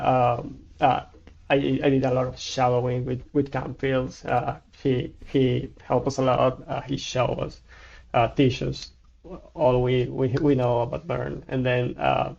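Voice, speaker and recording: A Cuban man in his thirties, a native Spanish speaker with a Cuban Spanish accent, talks haltingly as a guest in a casual interview, restarting often. His medium-pitched voice is gravelly and a little mellow, and the sound is lo-fi.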